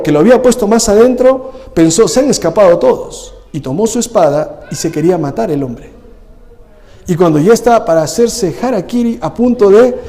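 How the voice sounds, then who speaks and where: A man preaching a sermon as pastor, animated and full of rhetorical questions to the congregation. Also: high-pitched, big-room sound. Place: church service.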